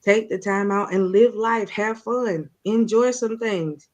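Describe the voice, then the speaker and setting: On the radio, a woman host delivers faith-centered motivation, sermonizing, circling back to the same phrases, and asking how her audience is doing. She has a mid-range voice and a slow pace.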